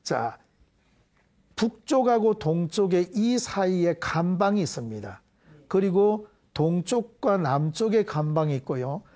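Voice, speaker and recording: High-voiced man teaching Buddhist scripture. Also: big pitch swings, a little mellow. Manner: deliberate, measured, leads call-and-response repetition. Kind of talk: devotional prayer and explanatory dharma lecture.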